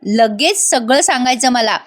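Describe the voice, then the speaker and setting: Woman playing a villainous sister-in-law in a soap retelling: menacing, sly, commanding, pitched high. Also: expressive, unhurried. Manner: taunting, menacing, bossy.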